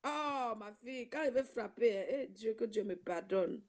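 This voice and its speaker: On a livestream recorded through her own camera, a woman with a fairly high, animated, darkish voice preaches with emotion at a moderate pace. She repeats herself and keeps returning to "ma fille".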